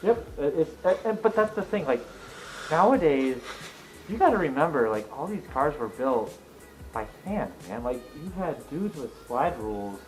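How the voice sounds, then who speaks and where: A man's voice: fairly high pitch, sing-song, normal speed, rough recording. A man chatting casually about cars in an emphatic, explanatory, jokey way. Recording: music in the background.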